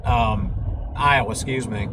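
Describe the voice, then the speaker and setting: A man's voice: mid-range voice, a little slow. A man giving live storm-chasing commentary as a storm chaser, moving between place-by-place warnings and casual asides. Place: inside a moving vehicle. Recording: loud vehicle and ambient noise. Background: loud car noise.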